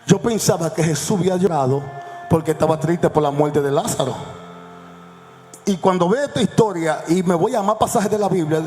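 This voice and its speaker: Male pastor, high register, fiery sermon delivery with hushed-to-shouted swings, echoey hall with faint music behind. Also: normal speed.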